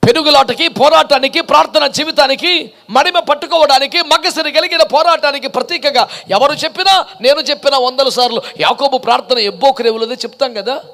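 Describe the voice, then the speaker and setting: Man, pastor, very high voice, fervent preaching, rhetorical questions. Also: brisk, creaky. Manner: impassioned, rhetorical questions, rising to shouts. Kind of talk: sermon.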